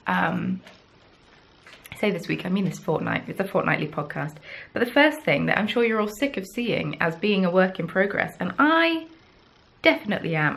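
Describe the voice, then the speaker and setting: The host of a laid-back crafting podcast is a young woman from southern England whose Southern English accent comes through a rough recording. Her voice sits at medium pitch with a fairly bright tone, and she rambles in casual, self-deprecating chat.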